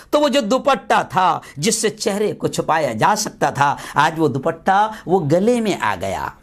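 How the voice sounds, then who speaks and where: A man preaching an impassioned sermon, repeating his lines and rising to shouts as he exhorts his listeners. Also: sits high. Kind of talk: fiery sermon.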